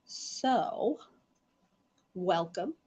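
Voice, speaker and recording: A middle-aged woman hosts a live online gem show, chatting casually and rambling while congested and coughing from allergies, and she greets viewers by name. Her lowish voice has lively intonation, drawn-out words, a darkish tone and a breathy edge.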